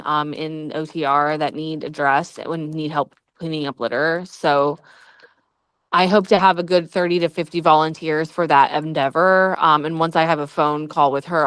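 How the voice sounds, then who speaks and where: A woman's voice: fairly low pitch, smooth, no echo. A woman giving an informal update as a volunteer coordinator at a meeting, tentative and thinking aloud as she goes.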